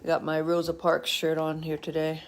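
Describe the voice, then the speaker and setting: A woman yoga instructor guiding a gentle stretch session, chatty and encouraging between breathing cues. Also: low-pitched, monotone, moderate pace, echoey room, slight background noise.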